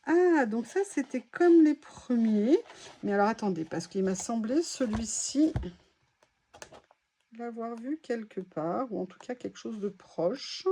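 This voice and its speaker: Chatty woman with a mellow, high voice. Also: lively intonation, unhurried. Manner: chatty and exclamatory, reacting aloud to each item. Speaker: craft vlogger. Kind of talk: casual haul commentary.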